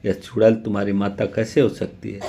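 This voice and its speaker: A man's voice: on the low side, monotone, fairly quick, creaky, warm tone, a little hiss or hum. A man reading the part of a stern, blunt landowner father in a story, speaking firmly. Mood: commanding. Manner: firm, commanding.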